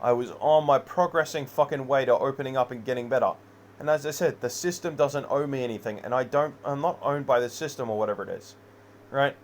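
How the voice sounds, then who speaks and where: A man's voice: mid-range voice, a little hiss or hum. A man in an unscripted personal rant, rambling, heavily profane and agitated. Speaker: vlogger.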